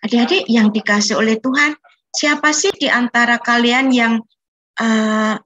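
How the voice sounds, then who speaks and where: A woman's voice: a little high, steady tone, normal speed, a bit bright. A woman leading a children's Bible lesson over a video call, patiently coaxing the kids with questions. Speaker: children's Sunday school teacher.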